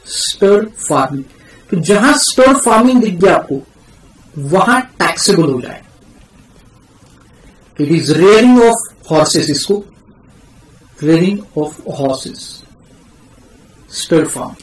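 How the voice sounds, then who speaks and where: A man with an Indian English accent giving a classroom lecture, switching between Hindi and English and slowing down to repeat key terms for his students. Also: high voice, roomy sound, low-quality recording. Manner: mixes Hindi and English, calls students "beta", drills key terms slowly. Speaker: tax teacher.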